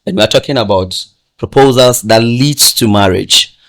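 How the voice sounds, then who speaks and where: A man's voice: fairly low pitch, moderate pace, a bit bright. A man giving advice in a casual podcast discussion, emphatic and repetitive, checking that listeners follow him. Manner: emphatic, repeats "do you understand?", laughs often.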